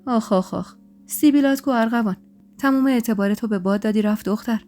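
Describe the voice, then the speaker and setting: A woman's voice: on the high side, dark tone, close to an everyday voice. A woman voicing a playful, jealous young husband in a spoken story, talking in a bantering, teasing way. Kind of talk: storytelling podcast. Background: faint music.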